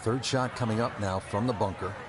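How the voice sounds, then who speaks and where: A man commentating on golf as lead play-by-play announcer, calling shots and scores in a measured, unhurried way. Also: on the low side, steady tone, close to an everyday voice. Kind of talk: golf broadcast commentary in a video game. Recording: music and crowd noise behind. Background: music, crowd.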